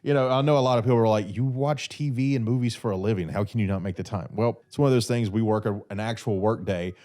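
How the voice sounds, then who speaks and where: Fast and warm, with a lowish voice, a North Carolina man in his thirties rambles through listener questions on his podcast. He's in an armchair in a small brick-walled room, talking into a red boom-arm studio mic, slightly stuffy from a cold and leaning on plenty of fillers and restarts.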